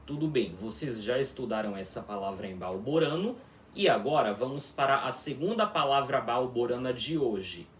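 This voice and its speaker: A man teaching a formal video lesson on an invented language, repeating words slowly and often checking that listeners follow along. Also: mid-range voice, animated, a little hiss or hum. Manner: slow, repetitive, checks in with listeners constantly. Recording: echoey room, voice from far off.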